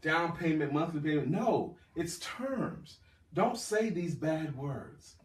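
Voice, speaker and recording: Animated male sales trainer in a roomy space. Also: on the high side, slow pace, recorded from a distance. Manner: emphatic, repeats key words for stress. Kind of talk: motivational sales seminar talk.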